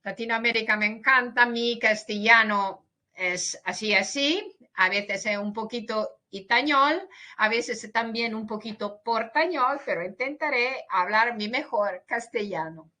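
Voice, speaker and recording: Over a video call, a woman delivers a veterinary webinar lecture in a fairly high, pushed and bright voice at a measured pace. She speaks hesitantly, restarts words, and mixes English with Portuguese.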